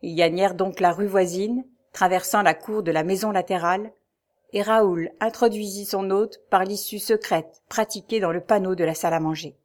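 In a mid-range voice, a woman narrates an audiobook of a classic novel. She keeps her delivery steady and unhurried, telling the story evenly.

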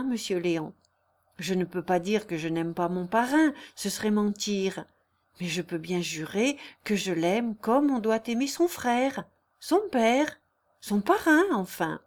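A candid young country girl from a classic novel, honest and sorrowful as she protests her innocence, read aloud by a woman. She speaks at a mid pitch with plain, heartfelt sincerity. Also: natural voice.

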